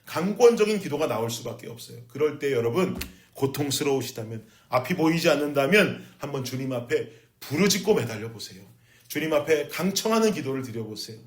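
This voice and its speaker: A male pastor delivering an emphatic sermon, his voice climbing to loud urgency at its peaks. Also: mid-range voice, animated, a little fast. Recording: echoey room.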